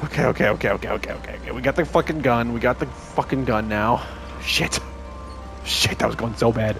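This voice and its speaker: A young man commentating as he plays a horror game, swearing often, talking to the game's characters and getting excitable when things go wrong. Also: medium pitch, fairly quick, music in the background. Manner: profane, excitable, talks to the game. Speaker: gaming channel host.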